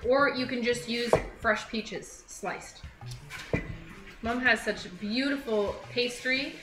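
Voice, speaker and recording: A woman's voice: a little high, slow, reverberant, very noisy. A woman in her thirties hosting a home cooking video in her kitchen, chatty and enthusiastic, praising the food as she explains each step. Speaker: cooking show host.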